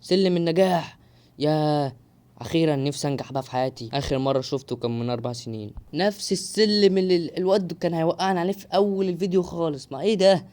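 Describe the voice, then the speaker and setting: A man's voice: fairly high pitch, rapid-fire, a little mellow. A young man with an Egyptian Arabic accent giving live gameplay commentary, exclaiming and joking to his viewers. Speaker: gaming YouTuber.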